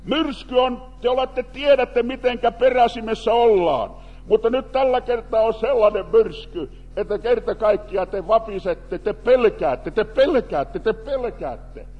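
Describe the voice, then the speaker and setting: High-voiced preacher guy, animated sermon, long echo from the hall. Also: highs cut off. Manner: animated, calls out to the congregation. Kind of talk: lively sermon with audience participation. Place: church hall.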